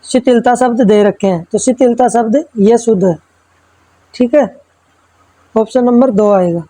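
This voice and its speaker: A female teacher works through exam practice questions, reading each one aloud and then explaining the answer step by step. Her voice is a little high and dark-toned, her pace measured, and she checks in constantly with tag questions. The recording is rough, with no room sound.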